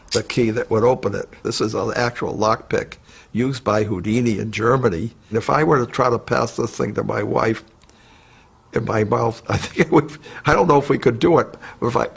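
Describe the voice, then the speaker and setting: Gravelly husky man showing props. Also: mid-range voice. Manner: demonstrating, chatty. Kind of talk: documentary interview.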